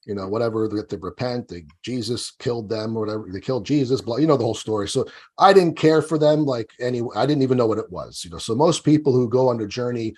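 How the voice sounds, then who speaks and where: A husky, slightly raspy man talks quickly as a guest in an interview. His speech rambles loosely and often trails off into offhand asides. The tone stays casual and conversational. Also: mid-range voice, darkish tone. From Italy, raised in New Jersey.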